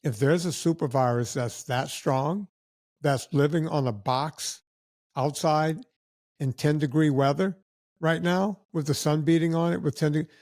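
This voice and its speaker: A man tells stories on a podcast in a fairly high voice and acts out the people in them as he goes. The sound is dry and close, with no room echo. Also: a little slow. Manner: animated anecdotes with acted-out quotes of other people. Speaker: podcast guest. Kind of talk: casual storytelling.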